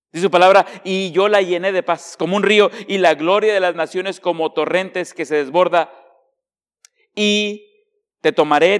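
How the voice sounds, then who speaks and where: A man preaching a sermon as a pastor. He asks the congregation direct questions and swings between hushed, slow passages and raised, emphatic ones. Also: on the high side, clear, resonant tone, in a large hall.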